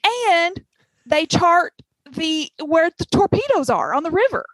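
A woman's voice: very high voice, sing-song, measured pace, dry recording, poor audio. A woman with a Southern US accent, telling a story passionately on a podcast with laughing asides. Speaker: podcast co-host. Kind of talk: casual chat.

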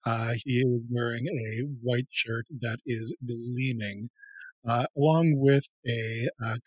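A man at a tabletop game describing his character in a relaxed way, with frequent filler words. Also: medium pitch, breathy edge. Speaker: player.

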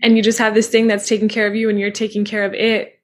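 A woman with a mid-range voice hosts a podcast, talking fast yet with a completely flat delivery. The chat is casual and conversational. She eagerly agrees with her guest and rambles enthusiastically, peppering her speech with "like" and "you know."

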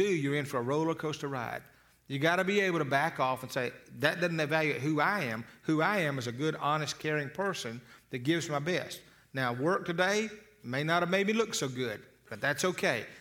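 A man giving a motivational talk to an audience, folksy and storytelling, often repeating words as he restarts a phrase. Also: a little high. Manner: storytelling with lively asides. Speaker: motivational speaker.

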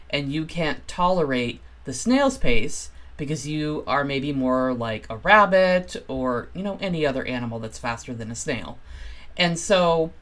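A woman hosting a self-help podcast, talking earnestly and explaining her points at length, with frequent ums and lively acted-out quotes. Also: low voice. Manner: acts out quoted inner voices with livelier, louder delivery. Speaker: podcast host. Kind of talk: reflective self-help talk.

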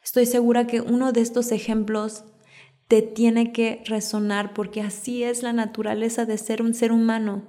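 A woman hosting a podcast, giving a calm, reflective self-help talk that builds through repeated everyday examples. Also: on the high side, normal speed. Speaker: podcast host.

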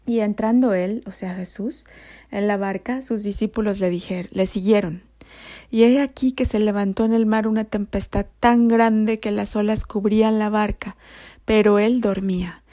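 A woman telling Bible stories to children in a gentle way, often dropping to a whisper. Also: medium pitch, fairly even intonation, moderate pace. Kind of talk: storytelling for children.

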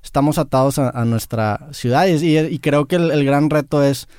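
A man's voice: a little high, moderate pace, a little mellow, smooth, no room sound, clean studio sound. A young man with a Monterrey accent, co-hosting a casual podcast chat, reflective and rambling, saying "güey" a lot. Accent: Monterrey Spanish. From Monterrey, Mexico. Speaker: podcast co-host.

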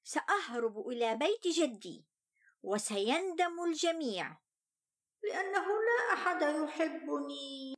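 A woman's voice: high-pitched, animated, measured pace, pitched above the performer's own voice. A woman voicing a sulky, plaintive young boy who feels unloved, in a children's story. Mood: sulky, hurt. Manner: plaintive, complaining.

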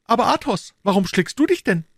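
A man reading aloud, voicing a pious, scholarly male musketeer in a high, earnest tone. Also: sing-song, a little fast, no echo, studio quality, heavily acted.

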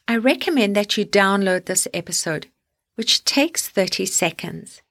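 Guiding listeners toward sleep, a woman with a medium-pitched voice talks softly and soothingly. Her phrases are deliberate, with long pauses in between.

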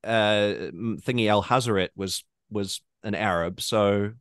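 Podcast host, New Zealand accent, deep voice, hesitant delivery, dry close mic. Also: male voice, smooth, dry recording. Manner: halting, many restarts and fillers. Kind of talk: casual discussion.

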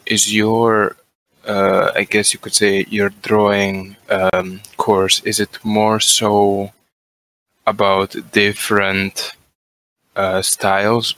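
A man from Croatia asks a careful, polite question. His delivery stays flat in pitch, and his voice has a bright, edgy tone. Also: low-quality recording. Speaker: caller.

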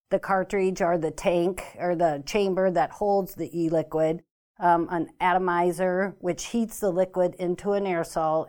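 On an informational talk show, a female guest expert explains her subject in a fairly low, somewhat mellow voice. Her delivery is cautious and halting, full of ums and false starts.

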